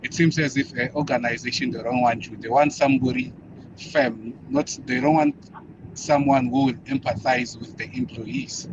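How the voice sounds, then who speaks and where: A man's voice: medium pitch, animated, normal speed. A man from South Africa speaking in a recorded voice message, hesitant and full of fillers. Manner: hesitant, with many uh fillers and restarts. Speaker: listener sending a voice note. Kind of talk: casual opinion. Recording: lo-fi voice note with background noise.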